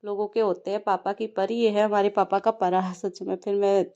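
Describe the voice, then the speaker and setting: A woman's voice: mid-range voice, flat delivery, fairly quick, mellow, lo-fi sound. A young woman, a mother casually narrating her day at home, chatty and telling stories with small laughs.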